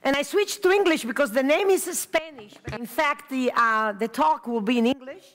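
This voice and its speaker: A woman's voice: sits high, animated, normal speed, fairly bright tone. A middle-aged woman presenting a speaker on a conference stage, on a headset mic. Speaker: event presenter. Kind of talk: stage introduction.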